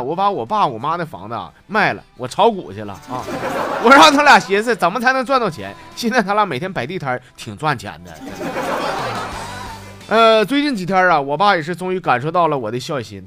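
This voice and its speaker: A man with a Northeastern Chinese accent hosting a comedy podcast, telling jokes and laughing at them himself. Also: fairly high pitch. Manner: lively, laughs at own jokes.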